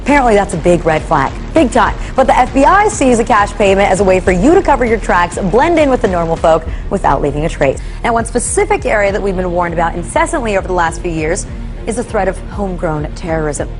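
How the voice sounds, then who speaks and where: A woman's voice: mid-range voice, expressive, fast. Emphatic woman news commentator over music. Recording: music bed under the voice.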